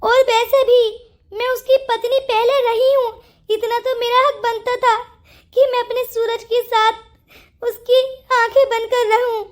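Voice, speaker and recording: A woman's voice: very high-pitched, level tone, unhurried. A woman voicing a scheming young wife in a Hindi cartoon story, pleading and sweetly insistent. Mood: earnest.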